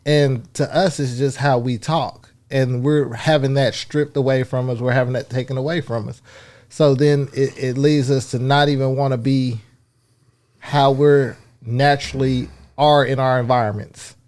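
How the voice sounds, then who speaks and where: A man's voice: medium pitch, fairly even intonation, moderate pace, a little mellow. A man with an American accent, co-hosting a podcast and arguing his point in long, earnest, blunt runs of casual chat. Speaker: podcast co-host.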